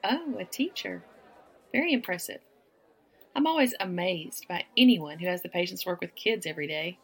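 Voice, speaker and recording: This one-sided audio roleplay features a Southern woman playfully flirting with a stranger at a bar, with frequent laughter. Her lowish, slightly breathy voice moves at a moderate pace with lively intonation, over a faint crowd.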